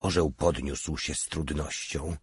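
Low, husky, slow male narrator. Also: steady tone. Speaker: audiobook narrator. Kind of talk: scripted narration.

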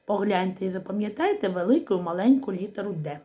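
A woman teaching a literacy lesson to young children, speaking slowly and articulating each sound clearly, asking questions and pausing for answers. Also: medium pitch, expressive, warm tone. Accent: Ukrainian. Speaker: primary school teacher.

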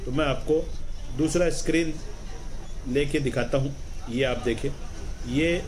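A travel vlogger from Rajasthan, India, narrates a voice-over with enthusiasm, explaining things at length and repeating himself often. His voice is mid-range and measured in pace, with a noisy background behind it.

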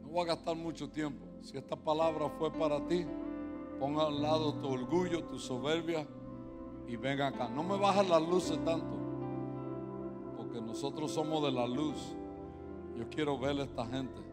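A man preaching a sermon as pastor, moving from quiet confiding talk to loud, impassioned preaching and slipping in English words. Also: on the high side, unhurried. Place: large church hall. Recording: long hall reverb with music behind.

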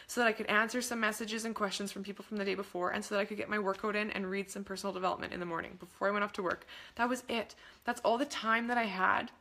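A young woman hosting a casual coaching webinar, bubbly and rambling, gushing with enthusiasm and acting out little dialogues in a higher voice. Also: gravelly, pushed and bright. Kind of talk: casual webinar talk to camera.

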